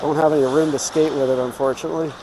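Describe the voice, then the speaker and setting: A man's voice: a little high, steady tone, rapid-fire. A man giving informal, home-team live play-by-play commentary on youth hockey. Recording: clear rink noise behind.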